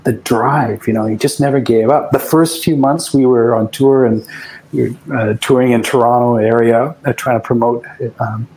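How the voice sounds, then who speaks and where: Man, musician guest, rambling anecdotes, mid-pitched voice, faint room hum. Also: steady tone, normal speed, darkish tone, poor audio. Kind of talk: casual interview storytelling.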